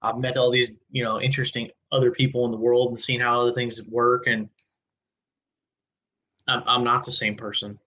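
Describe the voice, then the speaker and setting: A male podcast host talks in a relaxed, friendly way, his voice bright. He speaks into a boom-arm mic in a home studio. The sound is a little dull and lo-fi. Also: normal speed. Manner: relaxed and friendly, with many fillers and restarts. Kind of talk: casual interview conversation. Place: indoor home studio room. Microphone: large studio mic on a boom arm.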